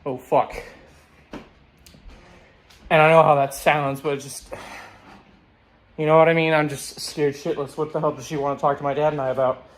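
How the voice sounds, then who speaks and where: A man's voice: on the high side, little pitch movement, a little fast. A young man talking candidly in a casual vlog, rambling and swearing now and then. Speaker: vlogger.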